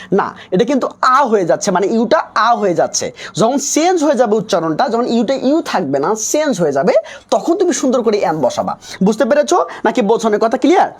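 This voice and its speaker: Fast, husky tutor. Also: male voice, very high voice, darkish tone. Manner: coaxing, keeps repeating and quizzing students. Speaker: English tutor for nursing exams. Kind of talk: live online class.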